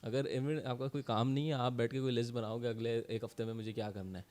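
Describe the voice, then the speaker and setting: A man, giving measured advice in casual podcast talk and slipping in English phrases. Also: medium pitch, fairly even intonation, a little mellow. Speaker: podcast co-host.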